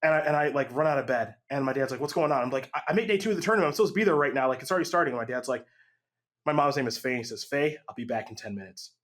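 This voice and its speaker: A man casually telling a long gaming story on a podcast, lively and acting out the voices of the people in it. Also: mid-range voice, rapid-fire. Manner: animated, acts out quotes with voice jumps.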